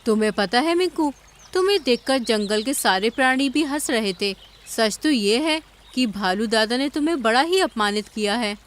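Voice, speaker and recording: A woman's voice: a little high, animated, normal speed, natural voice. A woman voicing a gossiping female blackbird who eggs others on. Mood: gossipy. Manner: stirring up trouble.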